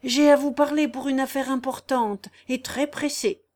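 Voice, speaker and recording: A woman reading the lines of a composed, resolute gentleman who speaks firmly in a storybook reading. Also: high voice, steady tone, normal speed, voice pushed up, lightly acted. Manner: firm, steadying. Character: calm, resolute older gentleman.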